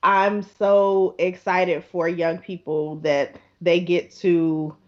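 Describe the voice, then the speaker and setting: A woman who teaches, speaking with excitement in a relaxed podcast chat and laughing as she puts on her students' voices. The audio is dull and lo-fi. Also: on the low side, takes it slowly.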